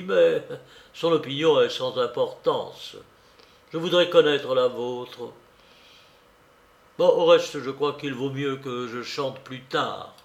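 An eager, self-pleased young gentleman composer, read by a man in a storybook reading. His voice sits fairly high and is delivered at a slow pace. It carries a roomy echo. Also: creaky, exaggerated voice. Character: charming young male amateur singer-composer.

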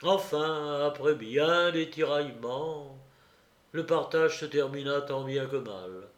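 A man reading a classic novel aloud, slow and deliberate, with an occasional hesitation. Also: a little high. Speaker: reader. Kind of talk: audiobook narration of a classic novel. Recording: roomy echo.

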